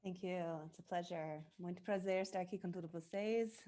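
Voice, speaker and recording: An American woman, a native English speaker, presents a live online workshop, moving between Portuguese and English and often pausing to find words. Her voice is fairly low and warm, at a moderate pace.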